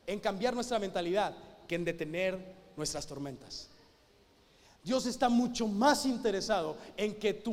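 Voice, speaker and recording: A man preaching a sermon in a church, emphatic and full of rhetorical questions. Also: sits high. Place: church hall with a live band. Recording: long hall reverb.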